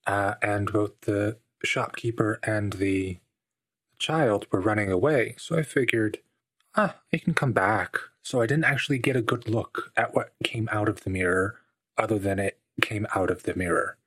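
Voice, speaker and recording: A man playing a serious monster investigator in a tabletop game, speaking formally and deliberately, with pauses. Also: lowish voice, animated, a bit bright, slightly rough, no echo, heavily acted. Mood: thoughtful, unsure. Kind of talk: in-character tabletop role-play.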